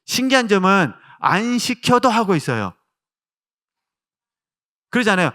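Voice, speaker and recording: A male pastor with a Jeolla Korean accent preaching a sermon, telling stories and asking the congregation questions. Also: high voice. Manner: warm storytelling with rhetorical questions to the congregation.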